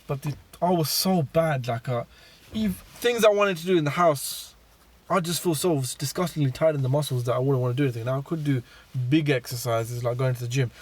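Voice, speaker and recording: A man's voice: medium pitch, fairly quick. A man telling his personal story in a casual monologue, rambling with many fillers and restarts.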